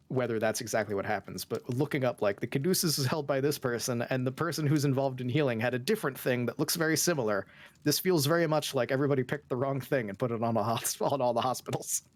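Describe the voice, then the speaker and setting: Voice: mid-range voice, quick pace, dry recording. A streamer playing a detective game who gets sidetracked and explains things at length in casual chat.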